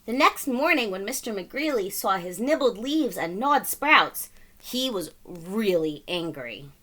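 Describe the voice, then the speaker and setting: A woman reads a children's story aloud with a medium-pitched voice that is animated, pushed and bright, moving a little slowly. Her style is dramatic and emphatic, and she plays with sound words throughout this lively read-aloud narration as a storybook reader.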